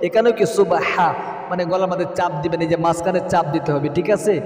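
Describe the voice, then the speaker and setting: A man teaching how to say the prayers, giving quick, insistent instructions and correcting pronunciation between slow, melodic chanted lines. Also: high-pitched, roomy sound, big-room sound, distant mic. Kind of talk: teaching prayer recitation, chanting Arabic phrases.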